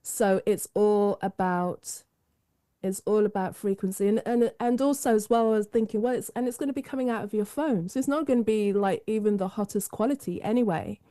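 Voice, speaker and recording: Woman podcast host, mid-pitched, warm, dry close sound, musing delivery. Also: brisk, no room sound. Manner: musing, many fillers and restarts. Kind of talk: podcast interview.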